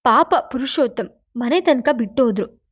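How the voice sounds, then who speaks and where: A woman voicing a proud young woman who answers with sharp, bitter retorts, in a storybook reading. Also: fairly high pitch, animated, normal speed. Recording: dull lo-fi, dry.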